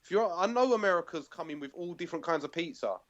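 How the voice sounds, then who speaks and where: A man's voice: a little high, expressive, fast, highs cut off, noisy background. A man with a London accent, a guest on a podcast, chatting casually, laughing often and restarting his sentences. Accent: London English. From London, England. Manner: laughing, easygoing banter with restarts. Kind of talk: casual chat.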